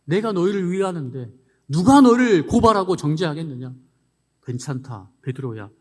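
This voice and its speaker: A pastor voicing Jesus, gently and tenderly reassuring a disciple who failed him, in a reverberant church. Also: male voice, fairly high pitch, big pitch swings, normal speed. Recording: long reverb of a church hall.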